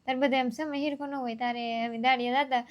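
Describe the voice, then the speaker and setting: A woman's voice: high-pitched, fairly even intonation, fast. A young woman, telling her family's story in a rambling, homely way. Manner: rambling, homely, repeats herself. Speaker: vlogger. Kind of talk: casual storytelling.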